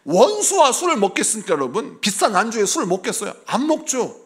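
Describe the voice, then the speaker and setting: A middle-aged male pastor preaching a sermon, acting out dialogue in different voices and swinging from hushed to loud. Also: high voice, very animated, a little fast, breathy edge. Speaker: senior pastor.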